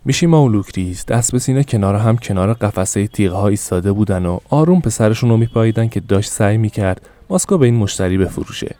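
A male audiobook narrator telling the story calmly and in measured steps, his voice low and mellow. It is recorded on a close mic in a dry, deadened room. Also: dry recording. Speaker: podcast narrator.

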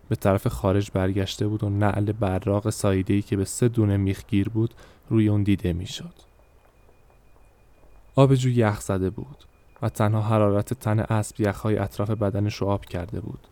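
A man narrating a short story in a measured, descriptive way. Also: fairly low pitch, warm tone.

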